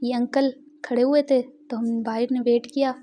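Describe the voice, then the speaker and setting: A woman's voice: on the high side, little pitch movement, normal speed, dark tone, slight background noise. A young woman, rambling and giggling as she tells a casual vlog story. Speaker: vlogger. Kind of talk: casual chatty vlog narration.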